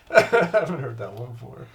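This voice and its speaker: Giggly casual chatter with lively pitch swings. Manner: giggly, breaks into laughter while talking. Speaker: contestant in a joke challenge. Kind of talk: casual chat.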